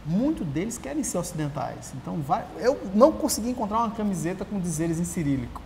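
A Brazilian writer and journalist in his thirties, guesting on an interview, tells stories animatedly and keeps restarting sentences in casual talk. His voice is high, fast and fried. A lapel mic captures him in a large empty auditorium, where long hall reverb trails behind a faint hiss.

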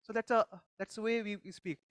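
A man's voice: sits high, fairly even intonation, fairly quick, a bit bright, clean tone, no room sound. A male pastor giving a conversational sermon, teaching by putting questions to the congregation and often restarting his sentences. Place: church service.

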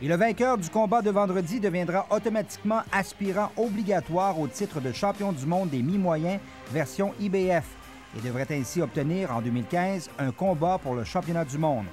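A male reporter reads his sports story in a crisp, measured way. His voice sits a little high, and a clear music bed runs beneath the narration. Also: a little mellow. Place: sports bar press event. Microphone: handheld mic.

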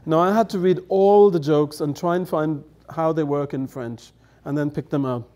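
A middle-aged native English-speaking man, appearing as a guest elder, relates anecdotes chattily from a table on a studio set with dark curtains. His slightly high, mellow voice keeps a steady tone and moderate pace as he laughs and acts out the quotes.

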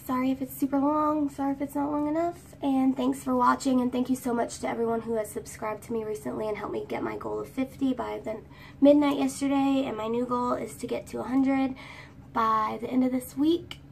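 Brisk and creaky yet a little mellow, a high, girlish-voiced woman in her twenties rambles through a get-ready-with-me storytime while doing her hair, singing bits of songs along the way. It's shot on a phone at arm's length in a small room, with a distant mic, faint room ambience, and a little hiss or hum.

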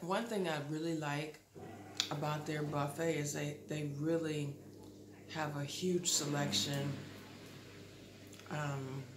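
Speaking into a close-up camera in her living room, a deep-voiced woman in her thirties vlogs casually. She rambles, leaning on fillers and restarting sentences often. There's a roomy echo and audible noise in the background.

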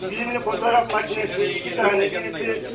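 Brisk and steady, a high-voiced auctioneer from Konya, Turkey chants repetitive bid calls to an audience. The setting is an echoey auction room, recorded from a distance with crowd chatter in the background.

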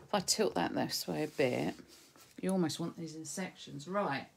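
A woman's voice: low voice, moderate pace, vocal fry, a little hiss or hum. A woman hosting a craft video, chatting and giggling through rambling stories, a little stuffy from hay fever. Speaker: craft tutorial host. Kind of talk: casual chat to viewers.

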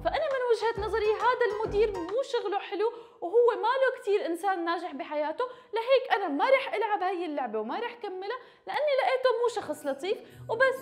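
Very high, lively Levantine Arabic woman. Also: fast, soft background music. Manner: animated, gasping, giggly, dramatic outbursts. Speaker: gaming YouTuber. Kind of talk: playful gameplay commentary.

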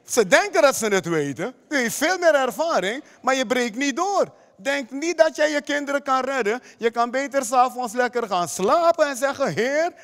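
A man's voice: extremely high pitch, fairly bright tone, in a large hall. A man preaching a sermon as pastor, emphatic, often putting direct questions to the congregation. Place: church hall.

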